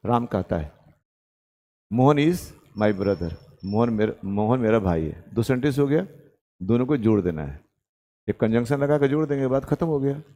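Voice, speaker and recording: A male tutor teaches a grammar lesson, his mellow voice rising and falling a great deal. He breaks each point down and keeps asking whether the class understands. The sound carries a long reverberant tail. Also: mid-range voice, expressive, normal speed. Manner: explains step by step with frequent check-in questions. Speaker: English tutor.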